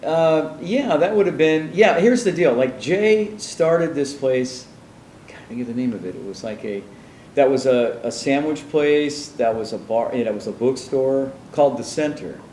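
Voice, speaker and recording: A man's voice: medium pitch, expressive, moderate pace, dark tone, echoey room, a little hiss or hum, low-quality recording. A man telling his life story in an interview, rambling through asides and acting out the people he quotes. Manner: meandering, many restarts and asides, acts out quoted people.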